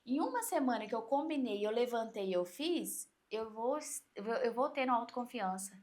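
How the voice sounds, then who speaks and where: A woman coach with a Brazilian Portuguese accent, explaining in an animated way on an interview podcast and acting out inner voices. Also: on the high side, normal speed.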